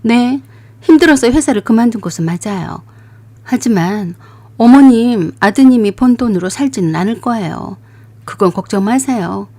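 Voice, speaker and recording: Woman as a young wife, polite but defiant, mellow voice, radio drama. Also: on the high side, lively intonation, normal speed, no echo. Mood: indignant. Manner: polite, rising to indignant.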